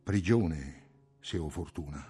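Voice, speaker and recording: A man reading an audiobook, voicing an anxious, touchy middle-aged man who flares into shrill outbursts. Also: slow, dark tone, husky, soft background music, full character voice.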